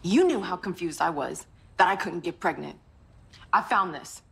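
A woman's voice: fairly low pitch, animated, normal speed, vocal fry, a bit bright, echoey room. An actress playing a betrayed young wife confronting her husband in a film drama. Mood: angry. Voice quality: accusing, emotional.

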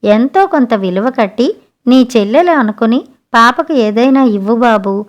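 A poor mother begging a trader for a fair price, in a soft pleading tone, as a woman narrator voices her. The voice sits fairly high. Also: expressive, normal speed, close to an everyday voice. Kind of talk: storybook narration.

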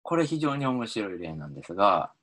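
A man with a very low voice gives a linguistics lesson over slides. His pitch swings widely as he explains, and he often pauses on fillers and restarts his sentences. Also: sing-song, fairly bright tone. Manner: hesitant, many fillers and restarts. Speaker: linguistics lecturer.

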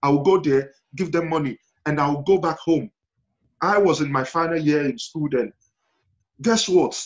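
A man with a Yoruba Nigerian accent and a fairly high voice talks on a panel. He is emphatic, repeating himself and throwing out questions. The video call sounds slightly dull and lo-fi. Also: normal speed. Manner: emphatic storytelling with rhetorical questions and repetition. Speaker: panel guest. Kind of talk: impassioned panel discussion. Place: indoor room at home, video call.

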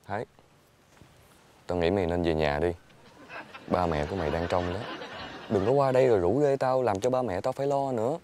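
A man's voice: sits low, fairly quick, long pauses, a little mellow, slight background noise. A young man acting in a comedy sketch, preachy and sarcastic. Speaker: comedy actor.

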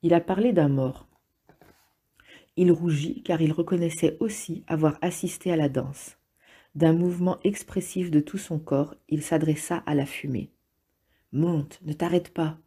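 A woman narrating an audiobook in a calm, measured, steady reading style. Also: deep voice, husky. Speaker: audiobook reader.

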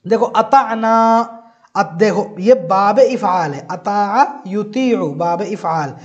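A man's voice: high-pitched, slow pace, muffled recording. A man teaching an online grammar lesson, patiently explaining and repeating points, often saying "look" and reciting examples.

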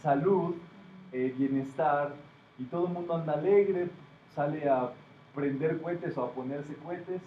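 A man teaches a classroom group, explaining ideas and putting questions to his listeners. His voice sits a little high for a man. The recording is taken from a distance in an echoey room, sounding dull with a faint hiss. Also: measured pace. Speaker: metaphysics teacher. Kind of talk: classroom talk to students.

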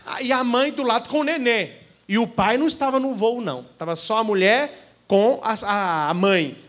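A Brazilian priest with a Brazilian Portuguese accent tells funny stories to couples at a retreat held in a church event hall. His high male voice jumps all over the place, and he animatedly acts out the people in his stories and what they said.

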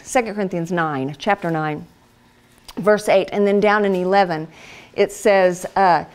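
A woman's voice: mid-range voice, a little mellow. A middle-aged woman giving a conversational church teaching to other wives, chatty and down-to-earth, slipping into everyday voices. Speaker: speaker at a women's Bible study.

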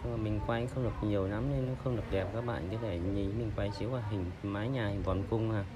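A man's voice: lowish voice, steady tone, quick pace, background noise. A man narrating a casual walking tour to his viewers, filming on a phone as he goes. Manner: chatty, addresses viewers directly. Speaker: vlogger. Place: outdoors and inside a wooden church. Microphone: phone camera held while walking.

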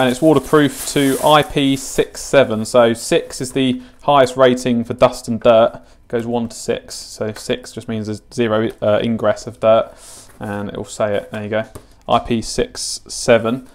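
A British man in his twenties with a medium-pitched, smooth voice hosts a fishing channel, doing a casual unboxing and tutorial that demonstrates gear in his home kitchen indoors. His way of talking is chatty, informal and matter-of-fact.

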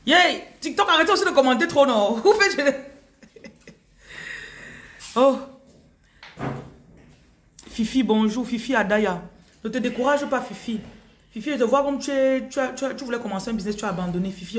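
A woman with a Cameroonian French accent reads viewers' energies on a live stream, repeating each name before she gives blunt advice. Her voice sits in the middle of the range. She talks into a phone in a room with a noticeable echo. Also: mid-range voice. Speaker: spiritual reader on a live stream. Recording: roomy echo.

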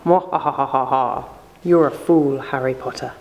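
A woman voicing a gloating male villain with slow, theatrical menace in an amateur parody. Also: extremely low pitch, fairly even intonation, poor audio. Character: sinister male villain gloating over a boy wizard. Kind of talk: amateur parody film voice acting.

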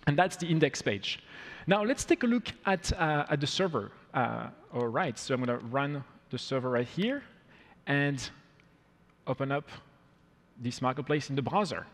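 A man's voice: mid-range voice, lively intonation, normal speed. A man in his thirties giving a live coding demo on a conference stage, walking through each step with upbeat energy. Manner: upbeat, walks through steps as he goes. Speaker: product demo presenter. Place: large conference hall, on stage. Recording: long hall reverb.

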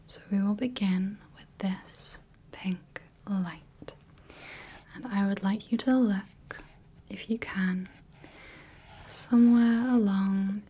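A woman plays a gentle clinician in a whispered role-play, breathy and unhurried. She checks in kindly and reassures at every step. Her whisper is mellow and husky. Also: medium pitch. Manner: soft, slow, reassuring, checks in often. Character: gentle female clinician testing the viewer's eyes. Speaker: ASMR creator playing a clinician running light tests.

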